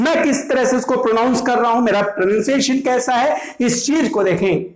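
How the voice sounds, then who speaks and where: An Indian man teaches a spoken English class to students in a classroom, explaining each point step by step and then repeating it in Hindi. His voice is very high-pitched, and the recording is reverberant and low quality.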